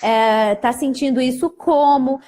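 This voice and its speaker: A woman's voice: high voice, steady tone, unhurried, dark tone. A woman, a psychologist hosting a live stream, explaining ideas with acted examples of what clients say. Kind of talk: explanatory conversation.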